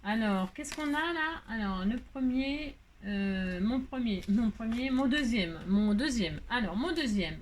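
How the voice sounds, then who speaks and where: A woman with a high voice chats casually while she crafts, rambling from one thing to the next and joking as she goes. She fills her talk with little fillers and sounds hot and a bit worn by the heat. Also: animated, a little slow, few pauses, a little hiss or hum. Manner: rambling, playful, chatty with many fillers and jokes. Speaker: crafting vlogger.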